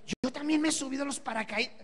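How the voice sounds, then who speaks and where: A man's voice: extremely high pitch, fast, fairly bright tone, pitched above the performer's own voice. A man quoting a boastful Mexican coworker woman. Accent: Mexican Spanish. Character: boastful woman coworker who claims she's done everything. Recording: long reverb of a church hall.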